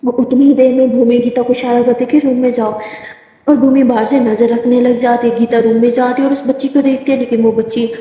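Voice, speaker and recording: A woman's voice: a little high, flat delivery, warm tone. A woman casually retelling a love story, loosely tagging who speaks and restarting her words. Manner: rapid, loose "she says" tagging, restarts. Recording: echoey room, long reverb, dull lo-fi sound.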